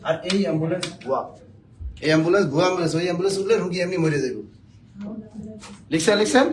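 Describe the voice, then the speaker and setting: Male teacher, high-pitched, quick, jokey, quizzes the class, faint background hiss. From Bangladesh. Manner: joking, quizzes the viewers. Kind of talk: spelling lesson for job exams.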